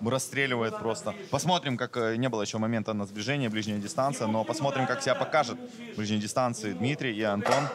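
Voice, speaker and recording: A man's voice: mid-range voice, quick pace. A man giving live fight commentary in a conversational, reactive way. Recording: live event, clear crowd noise.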